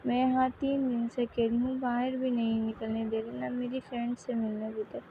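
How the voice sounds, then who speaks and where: A woman's voice: a little high, level tone, normal speed, phone-quality sound, slight background noise, natural voice. A woman voicing a lonely, stubborn young woman who sulks and pleads tearfully, in a narrated story. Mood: tearful sulking.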